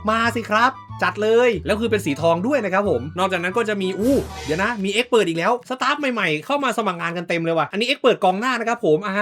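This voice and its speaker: Brief: bright, high-voiced man, excitable gameplay commentator who swears, faint music underneath. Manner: excitable, swears, talks to viewers. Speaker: gaming YouTuber.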